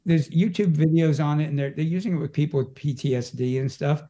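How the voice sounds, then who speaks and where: A man's voice: a little high, a little fast, warm tone. A man who works as an energy practitioner, talking as an interview guest, explaining his practice with frequent restarts. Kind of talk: casual conversational interview.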